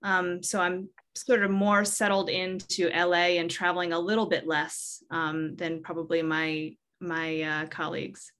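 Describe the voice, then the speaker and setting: A woman's voice: on the low side, flat delivery, measured pace, hardly any pauses, a bit bright. A woman conductor and composer giving a friendly introduction on a video call. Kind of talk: panel introduction.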